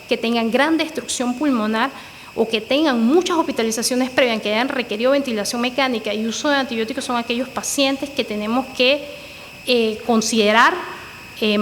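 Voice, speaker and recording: Female physician lecturer, higher voice, explanatory with fillers; echoey reverberant room, faint background noise. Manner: explanatory, frequent "eh" fillers and "¿verdad?" tags. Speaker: pulmonologist lecturer. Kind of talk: medical lecture with slides.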